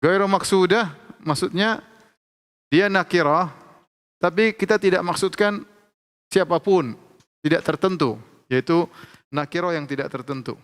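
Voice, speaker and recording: A man teaching Arabic grammar in a lecture, explaining slowly and repeating each example with frequent checks of "ya". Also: high-pitched, a bit bright, smooth. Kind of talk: classroom lecture. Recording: long hall reverb.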